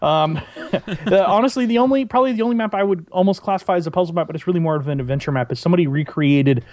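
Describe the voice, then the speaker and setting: Halting man co-hosting a podcast. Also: sits high, a little mellow. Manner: halting, restarts often, loses his place. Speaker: podcast co-host. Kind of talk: casual chat, reading listener emails.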